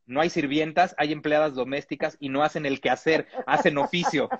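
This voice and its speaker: A man's voice: fairly high pitch, animated, brisk, muffled recording, a little hiss or hum. A man from Mexico, reading a humorous text aloud with comic asides and chuckles.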